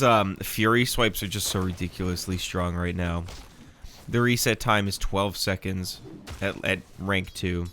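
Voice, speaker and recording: A man's voice: deep voice, fairly bright tone, a little hiss or hum. A man with a stuffy nose giving casual, rambling live commentary on a video game match. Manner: rambling, chatty asides.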